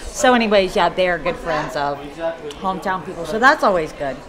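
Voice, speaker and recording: A woman's voice: fairly low pitch, lively intonation, brisk. A middle-aged woman with a Kentucky accent talks in a loose, rambling way, stumbling and restarting as she goes. She is a guest in a casual live interview at a hotel event. A crowd chatters steadily behind her. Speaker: guest paranormal investigator.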